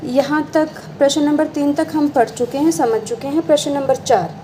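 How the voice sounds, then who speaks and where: This high-pitched female teacher speaks at a normal speed over a noisy background. Walking her class through exercises, she patiently addresses students as beta and keeps asking questions that she then answers on her own.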